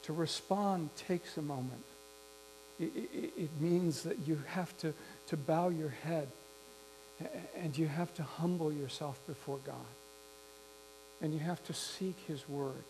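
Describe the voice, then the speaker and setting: A man preaching a sermon, telling a story slowly and reflectively with some restarts. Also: on the high side, darkish tone, low-quality recording. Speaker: pastor. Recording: faint mains hum.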